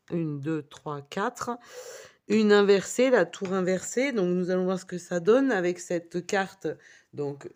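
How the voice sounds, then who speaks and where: A woman's voice: on the low side, darkish tone. A woman giving a weekly tarot reading, reading out card meanings with wry asides. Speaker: tarot reader.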